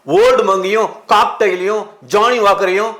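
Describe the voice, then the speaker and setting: A man's voice: high-pitched, steady tone, normal speed, fairly bright tone. A man with a Tamil accent, a film director in an interview, talking through tears and pleading. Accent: Tamil Nadu. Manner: tearful and pleading, voice breaking while talking. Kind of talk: emotional interview answers.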